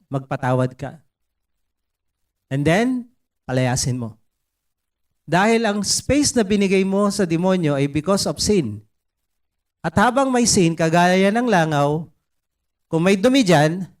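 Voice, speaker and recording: A man preaching a sermon in an animated way, mixing in English words and putting questions to the congregation. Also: on the high side. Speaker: pastor. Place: church service.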